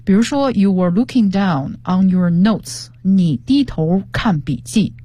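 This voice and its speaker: A woman's voice: medium pitch, lively intonation, a little slow, dark tone, no room sound. A woman guest teacher on a radio show, explaining English words and pronunciation with example sentences. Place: radio studio. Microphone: studio microphone.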